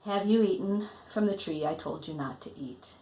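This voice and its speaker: A woman reading a storybook, voicing a stern, commanding God in a measured manner. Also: medium pitch, warm tone, reverberant, close to an everyday voice, low-quality recording.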